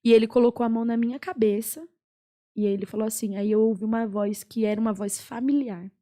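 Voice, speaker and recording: A young woman with a Brazilian Portuguese accent, a podcast guest, earnestly shares a personal testimony during a podcast chat, pausing often and using many fillers. Her voice is fairly high, steady and warm.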